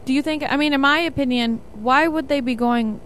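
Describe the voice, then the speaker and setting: A woman's voice: high-pitched, fairly quick, fairly bright tone, a little hiss or hum. A woman co-hosting a radio talk show, airing strong opinions in casual chat. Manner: opinionated, laughs easily.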